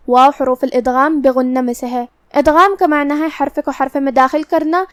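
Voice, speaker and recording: High-voiced woman teaching recitation rules. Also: dry recording, clean studio sound. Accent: Urdu. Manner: patient, methodical explanation with slow drawn-out recitation examples. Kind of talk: tajweed lesson, explaining rules slowly.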